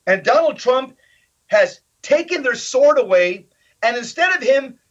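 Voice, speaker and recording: A man with a notably high voice talks emphatically as an interview guest, hammering points home with rhetorical questions. The recording is slightly dull and lo-fi. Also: very animated, unhurried, a bit bright. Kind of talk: animated political interview talk.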